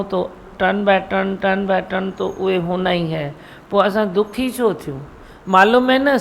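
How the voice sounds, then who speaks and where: Older gravelly-voiced woman preaching a satsang. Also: medium pitch, poor audio. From India. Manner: earnest, repetitive teaching with quoted verses. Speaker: spiritual leader giving a satsang. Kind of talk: devotional discourse. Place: hall during a satsang gathering. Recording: faint background noise.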